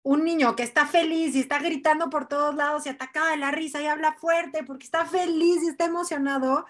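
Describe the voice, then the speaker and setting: A woman podcast host, talking in a chatty, animated way and thinking aloud as she asks her guest a question. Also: high-pitched, brisk. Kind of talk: casual chat.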